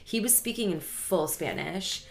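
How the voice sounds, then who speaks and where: A woman's voice: fairly low pitch, lively intonation, a little slow, gravelly. A young woman in casual chat, talking loosely with many fillers and laughing easily.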